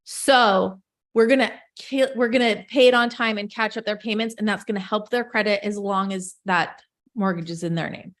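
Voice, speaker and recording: Woman coach on a video call, casual and chatty, middle pitch. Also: normal speed. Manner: chatty, loose and self-correcting, talks to the group directly. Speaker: real estate coach leading a group call.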